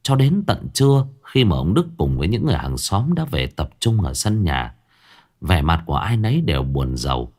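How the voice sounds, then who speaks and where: A man's voice: low voice, sing-song, moderate pace, a little mellow. A man narrating a scripted ghost story in a dramatic, storytelling manner.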